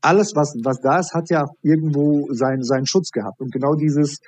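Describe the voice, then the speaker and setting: Male coach guest, husky voice, animated storyteller, dry close recording. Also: on the high side, a little fast, no echo. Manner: animated storytelling, acting out dialogue. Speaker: high performance coach. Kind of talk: podcast interview guest.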